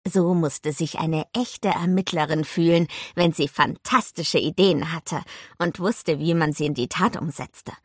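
A woman narrating a children's adventure story with calm, even storytelling. Her voice has a soft, breathy quality. It is recorded close on the mic in a dry, dead room. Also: deep voice, a little slow, dry recording. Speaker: audiobook narrator.

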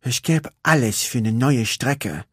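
A man voicing a spunky, restless young girl racer in a storybook reading, with a high, cheeky voice. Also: measured pace, breathy edge, dry recording, studio quality. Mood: bored, wistful.

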